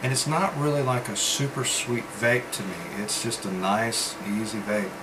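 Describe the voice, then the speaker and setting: A male vape reviewer vlogs in a casual, rambling way with halting pauses. His voice is mid-pitched, and a steady room hum, like air conditioning, is noticeable behind him.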